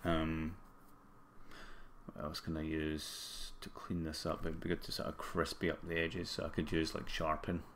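Deep, gravelly man with broad Scottish accent. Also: completely flat delivery, unhurried, fairly bright tone, a little hiss or hum. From Scotland. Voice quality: groggy, gravelly throat. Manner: informal, thinking aloud while working. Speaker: tutorial presenter. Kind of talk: casual screen-recorded software tutorial.

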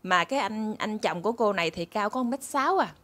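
Speaking fast in a fairly bright, animated, medium-pitched voice, this southern Vietnamese host tells casual stories to her followers. She's chatty and conversational, treats her viewers like family, and records in a small room indoors.

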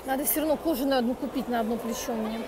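On the high side and racing along, a woman's voice narrates her walk through a noisy, crowded outdoor market. She chats to viewers and haggles with sellers in Turkish marked by her Russian-speaking accent, captured on a phone with an earphone mic.

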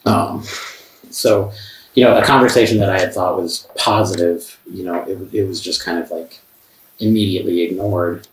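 A man's voice: sits low, fairly even intonation, normal speed, noisy background. A man, a camera assistant, telling his side of events in a police interview, rambling with many restarts and sounding defensive. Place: interview room. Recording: roomy, from far off the mic.

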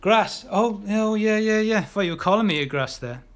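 Chatty high-voiced man teaching painting. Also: expressive, a little fast. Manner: chatty and encouraging, talks while painting, many ums and restarts. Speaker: illustrator teaching a live art class. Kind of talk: casual live draw-along class.

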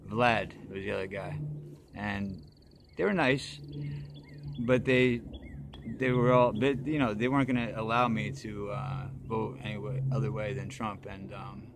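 A man with a fairly low voice talks off the cuff as host of his own nightly vlog, stumbling through ums and restarts. His humor is dry and deadpan, and faint outdoor noise sits behind him. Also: a little slow. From northeastern United States. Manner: hesitant, full of ums, dry joking. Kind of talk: rambling casual monologue. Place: outdoors at dusk.

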